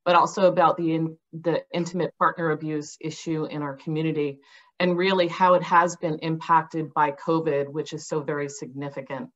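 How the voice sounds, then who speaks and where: Deep-voiced woman giving a presentation. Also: level tone, moderate pace, lo-fi sound. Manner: earnest, presenting slides. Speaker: nonprofit president and speaker. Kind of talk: presentation to a virtual conference. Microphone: video call.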